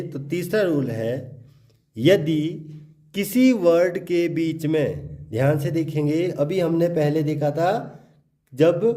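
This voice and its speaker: A man teaching English pronunciation, spelling out letters and repeating each word deliberately. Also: fairly high pitch, mellow. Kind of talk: classroom-style explanation.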